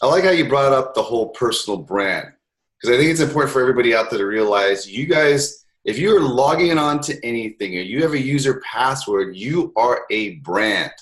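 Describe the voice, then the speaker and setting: A man's voice: medium pitch, animated, fairly quick. A man hosting a casual interview, encouraging his guest and speaking directly to listeners. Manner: friendly, encouraging, addresses listeners. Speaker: podcast host.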